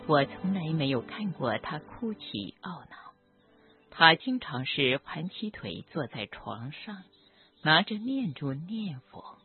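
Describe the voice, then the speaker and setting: Slow, lively-pitched doctor narrating on a tinny line. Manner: gentle, measured, moved by the story. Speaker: doctor treating cancer patients. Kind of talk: slow reflective storytelling narration. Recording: tinny phone-like audio with faint background music.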